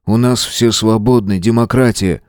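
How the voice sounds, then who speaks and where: A calm, mocking teenage schoolboy, as a male narrator voices him, speaking quietly and with defiance. The reading is level and close, in a dry room. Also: fairly low pitch, normal speed, dry recording, lightly acted. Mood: defiant.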